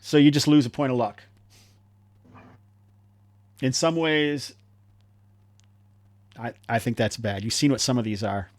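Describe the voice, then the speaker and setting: A man's voice: mid-range voice, fairly even intonation, a little slow, long pauses, no room sound. A man running a live tabletop game as game master, explaining rules in a chatty way with lots of fillers.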